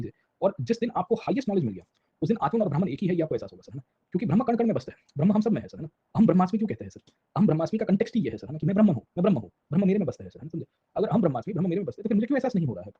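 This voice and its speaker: A man's voice: sits high, dark tone, breathy edge, highs cut off. A man giving a history lecture to a class, mixing Hindi and English and constantly checking whether his students are following. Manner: keeps checking in with the class with tag questions; mixes Hindi and English mid-sentence.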